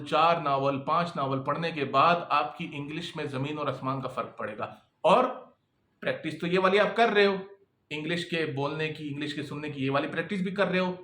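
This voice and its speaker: In an echoey room, a man talks to camera coaching freelancers, his voice fairly high and sharp in tone. He's casual and repetitive, constantly checking that the listener is with him.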